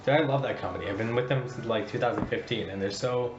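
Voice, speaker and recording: A man's voice: medium pitch, fast. A man in casual chat, talking enthusiastically and swearing a lot. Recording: roomy, dull recording with music behind.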